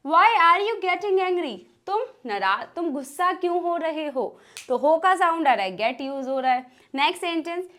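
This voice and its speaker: Woman, English grammar teacher, high-pitched, slow drawn-out example sentences, patient and repetitive. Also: fairly bright tone. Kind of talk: bilingual grammar lesson.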